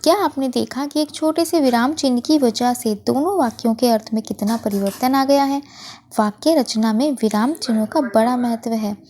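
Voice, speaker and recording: Her voice mellow and on the high side, a woman teacher slowly explains a worksheet to children. She stays patient throughout, frequently stopping to correct herself.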